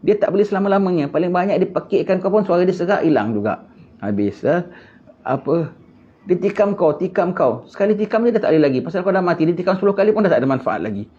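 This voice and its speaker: Male preacher, higher pitch, mellow dark tone, animated lecturing, muffled lo-fi capture. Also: quick pace. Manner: animated preaching, rhetorical questions, sudden emphatic bursts. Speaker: religious teacher. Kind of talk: Islamic lecture in casual colloquial Malay.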